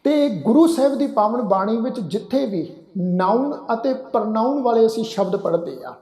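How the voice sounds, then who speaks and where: A man teaching correct pronunciation of scripture in an earnest, religious-lesson manner, speaking to his listeners as a congregation and reciting verses slowly. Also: sits high, expressive, dark tone. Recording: echoey hall reverb.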